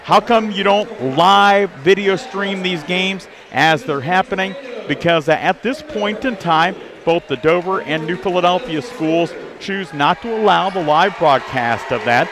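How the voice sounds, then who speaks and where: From a high school basketball gym, a man whose voice sits high speaks at a measured pace, announcer-style, on a live local sports radio pregame broadcast with sponsor reads. A busy gym crowd and bouncing basketballs fill the background.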